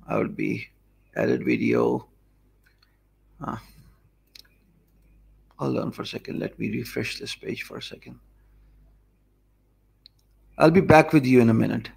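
With a medium pitch and fairly even intonation, this forties-aged online course instructor has a creaky, husky, somewhat dark tone. A native Urdu speaker with a Pakistani English accent, he addresses live stream viewers from an indoor office, speaking slowly and loosely as he thinks aloud. He uses a desk mic set in front of him.

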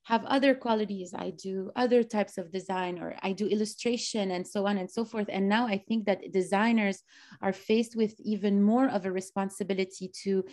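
In a small indoor room, a woman in her thirties hosts a casual online interview chat over a video call, eager and enthusiastic, with lots of fillers. Her voice is mid-range and darkish, with fairly even intonation at a normal speed.

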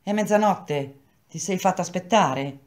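A woman voicing an anxious, tender young working-class wife who questions her husband gently. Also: on the low side, unhurried, natural voice.

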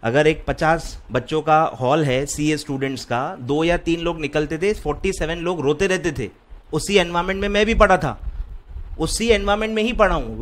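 High-voiced scolding mentor. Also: male voice, fairly bright tone. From Maharashtra, India. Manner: scolding, rhetorical, keeps asking if you follow. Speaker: CS exam mentor. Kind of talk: motivational lecture to students.

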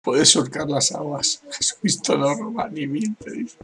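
A gaming YouTuber gives casual gameplay commentary in a slightly high, gravelly, a bit bright voice with lively intonation and an unhurried pace. He laughs often and reads other players' messages aloud, using "dice." There's slight background noise.

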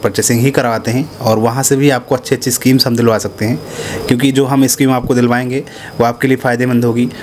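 A man in his thirties giving a casual pitch to camera about setting up supermarkets, chatty and full of tag questions, in a small office. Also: a little hiss or hum. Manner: conversational, repeats "है ना" and "ठीक है" tags. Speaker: business consultant pitching supermarket setup. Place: small indoor office room. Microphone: handheld clip mic held near chin.

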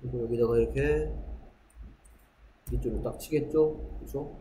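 At a normal pace and with a steady, dark mid-range tone, a middle-aged man lectures his middle school class on English vocabulary. Each word gets repeated, and he throws out rhetorical questions. Slight hiss or hum mixes with the classroom's echo and faint ambience.

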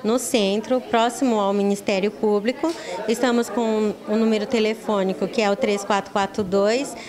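Speaking into a handheld reporter's mic inside a small, busy pharmacy office, a municipal pharmacy staff spokesperson answers interview questions in an explanatory way. She is middle-aged with a Brazilian accent and a mid-range voice, keeps a fairly even intonation at normal speed, and sometimes repeats words as room chatter goes on behind.

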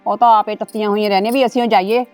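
A woman's voice: mid-range voice, fairly even intonation, racing, darkish tone, dry recording, soft background music, lightly acted. A woman playing a mother who scolds and soothes her widowed daughter in a family drama. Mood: fussing.

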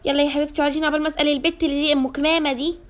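A worried Egyptian woman presses for news at a hospital, voiced by a woman in a storybook role-play. Her voice is high and her questions come very fast. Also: flat delivery, close to an everyday voice. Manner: anxious, pious exclamations.

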